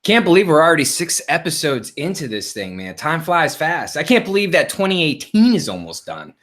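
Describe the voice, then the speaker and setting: A man's voice: a little high, sing-song, a little fast, a bit bright. A man in his late thirties co-hosting a live online chat show over a video call, easygoing and full of "you know" and "like". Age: 30s. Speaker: co-host. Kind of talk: casual chat, reminiscing.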